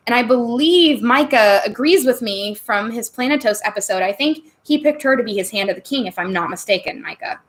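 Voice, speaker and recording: A woman talks casually on a live stream, reading out viewer questions and answering them with lots of laughter. Her voice sits a little high, and she chats loosely while sipping wine between answers. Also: expressive, brisk, hardly any pauses. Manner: giggly, chatty, laughs often between answers; sips wine on stream and jokes about getting tipsy.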